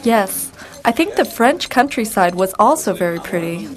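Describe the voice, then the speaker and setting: An actress playing a cheerful young woman in a scripted dialogue for English learners, speaking clearly and expressively. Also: medium pitch, moderate pace, close to an everyday voice. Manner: bright, expressive, clearly spoken.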